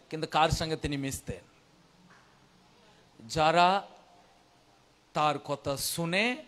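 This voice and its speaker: High-pitched male preacher with learner's Bengali. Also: pushed and bright. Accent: foreign learner's Bengali. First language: not Bengali, learned it as an adult language. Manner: exhorting, repetitive, with rhetorical questions. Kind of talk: sermon.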